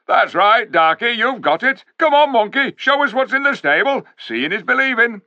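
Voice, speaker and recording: A man's voice: extremely high pitch, very animated, normal speed, bright, forceful tone, no echo, pitched above the performer's own voice, heavily acted. A man voicing a scornful, sneering male chief dwarf in a storybook reading. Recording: dull lo-fi recording.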